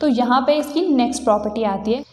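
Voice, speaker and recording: A woman with an Indian accent teaching a physics lesson, mixing Hindi and English and slowing down for definitions. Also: a little high, mellow. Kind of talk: explanatory Hinglish lecture. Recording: echoey room with long reverb.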